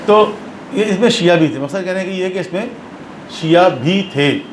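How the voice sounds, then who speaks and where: Man, religious lecturer, fairly high voice, explanatory, repeats phrases, echoey room, faint hum. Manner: explanatory, mixes English terms into speech. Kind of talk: religious lesson.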